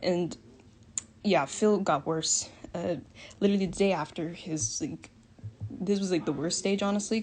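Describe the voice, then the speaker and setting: A woman's voice: on the low side, darkish tone, a little hiss or hum. A young woman casually retelling the lore of a game roleplay, rambling with lots of fillers and the odd swear word. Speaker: storyteller.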